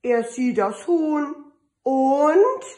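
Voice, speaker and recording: A woman kindergarten teacher reading a picture book aloud to children, telling the story slowly with sing-song refrains. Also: sits high, big pitch swings, a little mellow.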